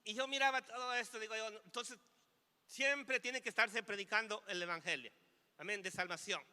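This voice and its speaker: A man, a pastor, preaching a sermon, reading scripture slowly and growing fervent as he goes. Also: high voice, sharp tone, clear, resonant tone, big-room sound. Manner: preaching with rising fervor, reads scripture slowly. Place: church.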